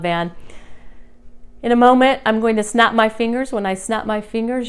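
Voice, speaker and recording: A woman working as a hypnosis instructor, giving suggestions to a subject in a slow, soothing hypnotist's manner with drawn-out phrases. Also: mid-range voice, smooth.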